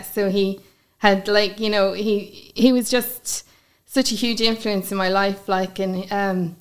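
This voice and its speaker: A woman with a west of Ireland accent talking casually and informally as an interview guest, with plenty of "like" and "you know". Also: mid-range voice. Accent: west of Ireland (Galway). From Galway, west of Ireland. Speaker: podcast guest, blogger.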